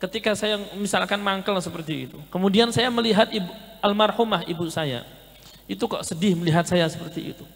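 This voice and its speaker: A man's voice: sits high, a little fast, a bit bright, big-room sound. A male Islamic preacher, giving a conversational sermon and telling stories while addressing the men listening.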